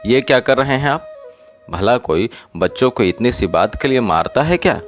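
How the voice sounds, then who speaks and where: A man voicing a gentle young stepmother who pleads in a child's defence in a narrated story. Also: medium pitch, expressive, moderate pace, faint music behind, voice pushed up, lightly acted. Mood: upset.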